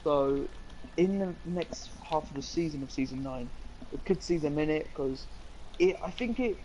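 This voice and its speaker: A man's voice: on the high side, moderate pace, lo-fi sound, noisy background. Eager rambling young man. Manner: rambling and eager, with frequent fillers. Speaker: co-host. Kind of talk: casual live-stream chat.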